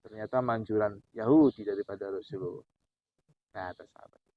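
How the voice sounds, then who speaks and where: A man preaching who tells a story in an animated way, acting out the dialogue as he goes. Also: lowish voice, normal speed, a little hiss or hum. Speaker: Islamic preacher. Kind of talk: sermon storytelling. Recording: dull, dry recording.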